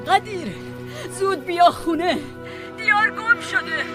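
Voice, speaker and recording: A woman's voice: very high voice, animated, music in the background. A frightened older mother. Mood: tearful. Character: worried older mother whose daughter is missing. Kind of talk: TV drama dub.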